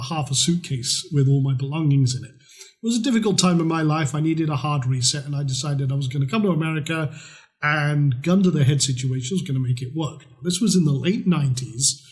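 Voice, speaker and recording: Middle-aged man, raised voice, casual blunt pitchman for an online course. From Scotland. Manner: chatty, blunt, with mild swearing. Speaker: trading course presenter. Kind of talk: conversational sales pitch.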